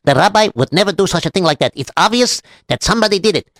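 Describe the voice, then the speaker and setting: A man voicing an excitable, gossiping male villager, repeating words frantically. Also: high-pitched, quick pace, no room sound, clean studio sound, pitched above the performer's own voice. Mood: frantic.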